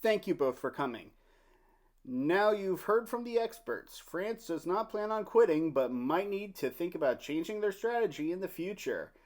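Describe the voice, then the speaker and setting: A man's voice: high voice, animated, moderate pace, darkish tone. A man playing a formal news anchor reading a scripted mock bulletin of medieval events. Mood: matter-of-fact.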